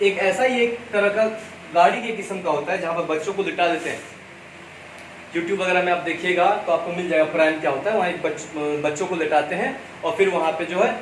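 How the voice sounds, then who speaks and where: A man with an Indian accent teaching a school lesson, explaining slowly and repeating key points. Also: high-pitched. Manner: slow, repetitive explaining, switching between Hindi and English. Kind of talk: classroom lesson. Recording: echoey room, mic far off, faint ambient noise.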